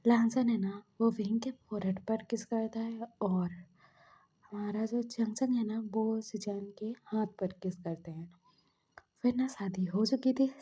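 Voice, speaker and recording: Soft whispering woman telling a story. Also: mid-range voice, breathy edge. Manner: soft, mostly whispered narration with brief quoted dialogue. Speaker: fan fiction storyteller. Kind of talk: casual whispered story retelling.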